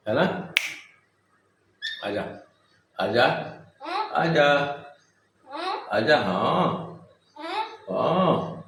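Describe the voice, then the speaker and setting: A man talks slowly and gently, coaxing his birds with repeated calls. The room echoes strongly, and loud bird chatter fills the background of this home vlog. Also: fairly low pitch, slight background noise. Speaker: vlogger. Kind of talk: casual pet vlog, talking to viewers. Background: birds calling.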